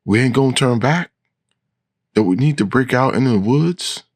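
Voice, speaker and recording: A man voicing a frightened young country woman with a high, shrill voice. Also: animated, moderate pace, dry recording, clean studio sound. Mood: panicked.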